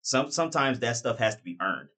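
A man's voice: medium pitch, big pitch swings, a little fast, pushed and bright. A man interviewing a former player, rambling and enthusiastic, with many restarts. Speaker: interviewer and radio commentator. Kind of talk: casual interview.

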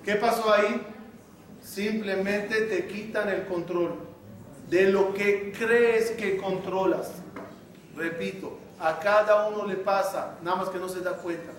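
Man, rabbi, sermon storytelling, high voice, distant mic, very echoey hall, faint hiss. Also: slow. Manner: animated storytelling, acts out dialogue.

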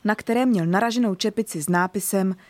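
A woman narrating a children's story in an even, clear storytelling manner. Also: medium pitch, dry recording.

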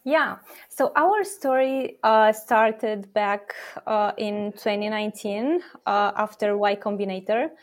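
A Romanian startup co-founder and product officer answers interview questions as a guest, explaining things earnestly with fillers. She speaks slowly in a medium-pitched voice.

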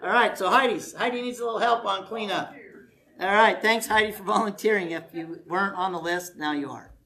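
A man's voice: high-pitched, a little fast, sharp tone. A man preaching and giving camp announcements to a congregation in a meeting hall, joking with the audience as he coaxes them to volunteer. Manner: folksy, joking, coaxing the crowd to volunteer. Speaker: pastor leading a family camp.

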